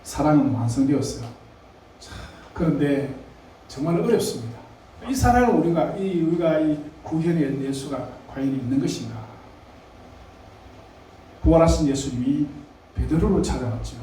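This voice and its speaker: A man's voice: a little high, dark tone, a little hiss or hum. A male pastor preaching a sermon in a conversational way, putting questions to the congregation. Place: church sanctuary. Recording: echoey church hall, mic at a distance.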